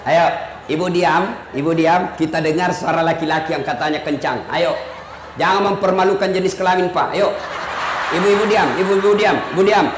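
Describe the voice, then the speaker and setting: A man's voice: high voice, moderate pace, echoey room, noisy background. A man preaching a humorous sermon to a large crowd, teasing the audience and acting out both sides of little dialogues. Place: large public religious gathering.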